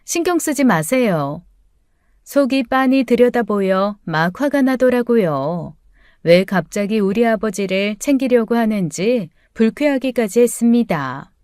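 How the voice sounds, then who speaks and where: A woman tells a first-person story for an audiobook in a confiding, conversational tone. Her voice sits fairly high for a woman. The recording is dry and close, with no room echo. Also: expressive, a little slow, darkish tone, smooth. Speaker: narrator.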